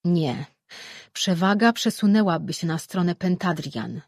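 A steady, cautious male god, put on by an audiobook reader, firm and measured. The voice is slightly husky. It sounds dry and close to the mic. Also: mid-range voice, no echo.

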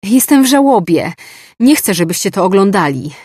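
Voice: mid-range voice, sing-song, normal speed, a little mellow, husky, dry recording, clean studio sound, voice pushed up. A narrator voicing a frightened, defiant young woman who pleads in panicked outbursts in an audiobook. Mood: pleading, panicked. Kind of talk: audiobook dialogue.

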